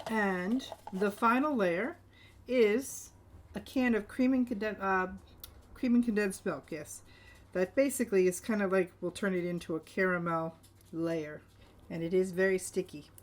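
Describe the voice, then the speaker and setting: A woman hosting a home cooking show, walking through a recipe step by step in a relaxed, homey way, in a kitchen. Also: mid-range voice, a little slow. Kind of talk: casual cooking demonstration. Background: clinking dishes and pans.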